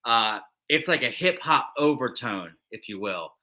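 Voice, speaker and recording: A man's voice: mid-range voice, animated, a little slow, bright, forceful tone. A man co-hosting a wrestling recap show, chatting casually and rambling with many fillers and restarts. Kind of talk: casual podcast chat.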